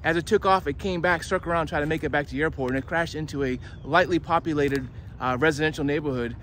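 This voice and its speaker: Bright-voiced man giving a walking tour. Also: on the high side, fast. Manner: tour guide showing and explaining sights. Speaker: tour guide. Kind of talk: vlog walking-tour narration. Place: outdoors in a public park. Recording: outdoor recording with urban ambient noise.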